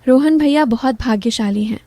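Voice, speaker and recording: A lovestruck young man, as a woman reader puts him on in a spoken story, soft and coaxing. The voice sits fairly high and mellow. The sound is close and dry, with no room around it. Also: moderate pace, dry recording, close to an everyday voice. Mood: tender.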